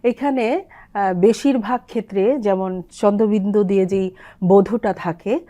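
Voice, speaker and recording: A woman guest on a television language program, explaining pronunciation and slowly reciting short lines as examples. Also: medium pitch, warm tone. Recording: television studio.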